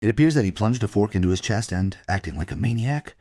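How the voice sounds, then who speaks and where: This man's lowish, slightly mellow voice has lively intonation and a quick pace, recorded dry with music underneath. Playing a dogged detective in a scripted crime audio drama, he narrates the case plainly, measured and matter-of-fact.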